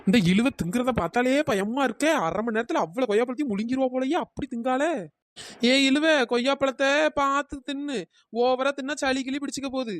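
Cartoon role: woman as a quick-witted village schemer, brisk and persuasive. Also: sits high, no room sound, lightly acted. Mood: scheming. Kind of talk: cartoon storytelling.

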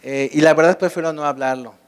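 A man's voice: on the high side, fairly even intonation, fairly quick, clear, resonant tone. Mexican man lecturing in a reverberant hall. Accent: Mexican Spanish. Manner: keeps quizzing the audience with rhetorical questions. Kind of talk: conference talk to a live audience. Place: large hall at a state congress.

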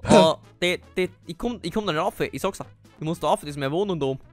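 A man's voice: fairly high pitch, quick pace, soft background music. A man with an Austrian accent playing a Minecraft role-play, talking with many hesitant fillers and breaking into panicky yelps. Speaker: gamer.

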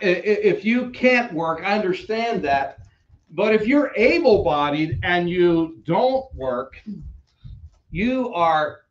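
An older pastor with a New York accent preaches in a church sanctuary, his voice pitched high for a man. He talks slowly and conversationally, with casual asides, moving around near a stand mic. The sound is slightly dull. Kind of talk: sermon. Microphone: stand mic at pulpit, preacher moving about.

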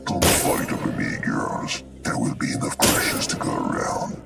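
A man voicing a mocking, unstable male computer glitch villain in a video game, with a gravelly, sneering delivery. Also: a little slow, far from the mic, natural voice. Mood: taunting. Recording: loud game music underneath.

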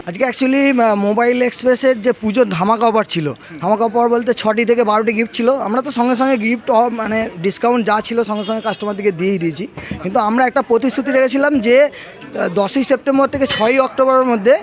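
High-pitched Bengali salesman from West Bengal. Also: quick pace. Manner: emphatic, repetitive sales talk with English words mixed in. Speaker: mobile showroom owner. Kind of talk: promotional interview, recapping a prize draw.

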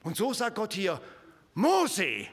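A male pastor preaching a sermon, swinging from hushed whispers to emphatic raised lines and putting rhetorical questions to the congregation. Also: on the high side, very animated, normal speed, husky. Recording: reverberant church hall.

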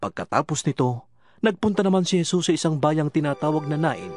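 A man's voice: fairly high pitch, very animated, fairly quick, a little mellow. A man reading a Bible narration, telling the story steadily. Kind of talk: scripted narration. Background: music.

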